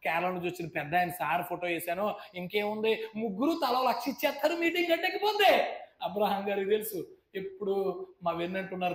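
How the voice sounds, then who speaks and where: A pastor in his thirties preaches a fervent testimony from the pulpit, his voice high for a man and full of emotion. He keeps calling out praise and speaking straight to the congregation. The microphone carries him through a roomy, echoing church hall. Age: 30s. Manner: addresses listeners directly and often. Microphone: stage microphone.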